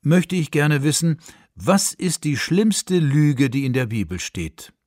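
A man's voice: on the high side, animated, takes it slowly, a little mellow, no echo, studio quality, voice pushed up. A man voicing an ordinary man who questions God in his dream, raised and agitated, read for radio. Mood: eager. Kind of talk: story reading for radio.

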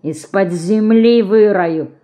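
A woman voicing a gruff, threatening grown outlaw man in an audiobook. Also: mid-range voice, a little slow, a little mellow, close to an everyday voice. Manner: rough, threatening.

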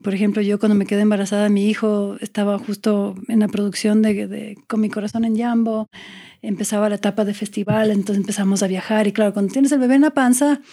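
A woman's voice: mid-range voice, level tone, fast, warm tone. A woman in her forties, an actress speaking as a podcast guest, earnest and reflective as she talks in long, searching sentences. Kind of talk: candid conversational interview.

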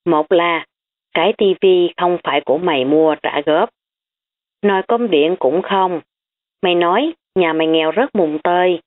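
A woman's voice: fairly low pitch, moderate pace, close to an everyday voice. A woman voicing a blunt, teasing young female student, on tinny phone-like audio. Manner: frank and teasing.

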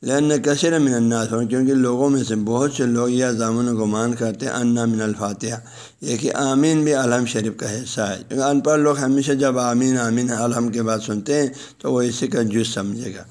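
A man giving a religious lesson, working through a text one phrase at a time and explaining each in everyday speech. His pitch sits in an ordinary middle range for a man. He often adds small conversational fillers and talks straight to his listeners. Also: steady tone, a little mellow. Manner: speaks directly to listeners, telling them to pass the ruling on at home. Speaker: religious lecturer teaching a law book.

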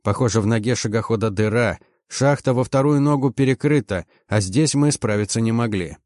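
Brief: male audiobook narrator, mid pitch, tense storytelling, very dry close recording. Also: brisk, darkish tone, no echo. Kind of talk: first-person audiobook narration.

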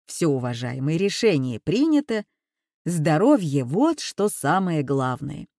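A man's voice: fairly high pitch, sing-song, measured pace, vocal fry, a little mellow, no room sound, studio quality, heavily acted. Woman reading as a smug patronizing male boss. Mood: smugly patronizing. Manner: patronizing, falsely cheerful. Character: smug condescending male university rector, middle-aged. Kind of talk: audiobook reading.

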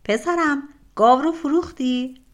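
A woman storyteller voicing a calm, fatherly older village farmer talking to his son. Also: high voice, pitched above the performer's own voice, close to an everyday voice.

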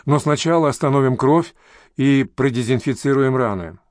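A male narrator voicing a calm, kindly middle-aged doctor who speaks in a soothing, reassuring way. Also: mid-range voice, normal speed, no echo, clean studio sound, natural voice.

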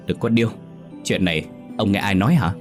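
A man's voice: fairly low pitch, fairly quick, faint music behind, natural voice. A man voicing a scheming, bitter middle-aged woman who snaps back defiantly in a ghost story. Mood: defensive. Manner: sharp, defiant retorts.

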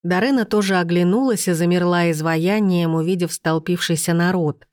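A woman narrating a first-person novel in an even, expressive reading on a close mic. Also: fairly low pitch, normal speed, no room sound. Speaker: audiobook narrator.

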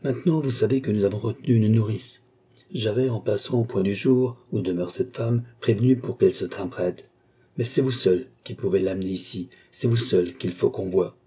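A man voicing a calm, kindly older doctor who speaks with composed authority, in an audiobook reading. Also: lowish voice, moderate pace, breathy edge.

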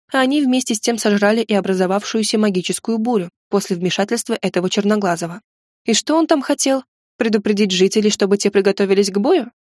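A woman narrating a first-person fantasy audiobook in an expressive, sharp-tongued way. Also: medium pitch, no room sound, clean studio sound.

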